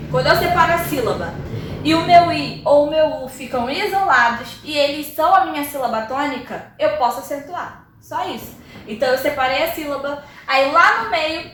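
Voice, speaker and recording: A woman with a high voice walks through a grammar rule one step at a time, checking in with her listeners as she goes. She is recorded from a distance in a very echoey room with faint background hiss. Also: fairly bright tone. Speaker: teacher. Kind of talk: grammar lesson at a whiteboard. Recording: very echoey room, voice far from mic.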